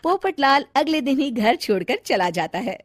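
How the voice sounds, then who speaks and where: A woman giving scripted storybook narration for a cartoon, in a brisk storytelling manner. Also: high-pitched, very animated, no room sound.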